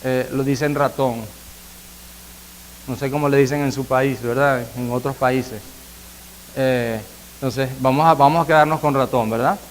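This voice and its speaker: A male pastor giving a sermon. He checks in with the congregation with rhetorical questions and moves from quiet storytelling to loud, emphatic preaching. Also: mid-range voice, steady tone, unhurried, long pauses, a little hiss or hum, low-quality recording. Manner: repeats phrases and asks the congregation "¿verdad?".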